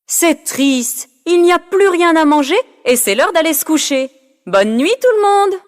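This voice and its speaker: Woman reader playing a teasing teen party host, pitched high, storybook. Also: animated, a little slow. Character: teenage girl hosting a party, teasing.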